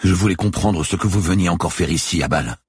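A man's voice: sits low, quick pace, breathy edge, dry recording, clean studio sound, pitched above the performer's own voice. A man reading an audiobook, voicing a nervous male cathedral sacristain who explains himself anxiously. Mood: earnest. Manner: anxious, pleading, explaining hurriedly.

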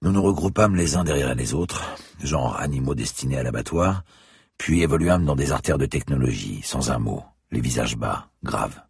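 Deep, husky man narrating. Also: moderate pace, a little mellow, dry recording, studio quality. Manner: terse, gritty storytelling. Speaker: audiobook narrator. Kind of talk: first-person scripted narration.

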